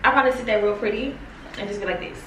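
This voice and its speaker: Speaking rapid-fire in a high, fairly bright voice, a young woman vlogs casually to camera while sucking on a lozenge. She drags out her words and curses without restraint; the recording is distant and roomy, with a little background noise.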